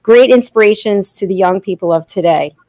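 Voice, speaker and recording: A woman's voice: medium pitch, fairly quick, darkish tone, no room sound. A woman hosts a live online talk show, upbeat and gracious as she thanks her guests. Her voice sits close and dry, with no room sound. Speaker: host.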